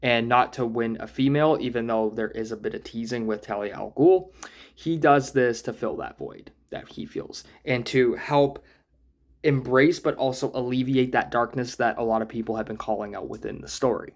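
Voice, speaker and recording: A man talking through a comic book analysis for his channel. He sounds thoughtful and unhurried, with a voice of ordinary pitch, and he pauses to muse and add small asides. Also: gravelly. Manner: thoughtful, musing, with small hedges and fillers. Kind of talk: casual spoken analysis monologue.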